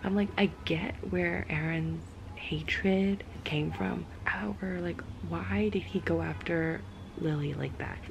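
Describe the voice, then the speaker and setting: A woman's voice: lowish voice, slow pace, creaky, noisy background. Chatty young woman book vlogger. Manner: chatty, exasperated, often whispers asides. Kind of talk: casual reading vlog chat.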